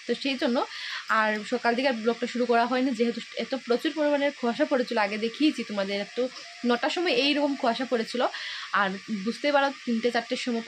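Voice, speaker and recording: A woman's voice: a little high, a little hiss or hum. A woman with a Sylheti-influenced Bengali accent, from Assam, chatting casually to viewers while filming at her village home. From Assam, India. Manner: chatty, addresses viewers as friends. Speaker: vlogger. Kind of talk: casual home vlog narration. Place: village home kitchen and yard.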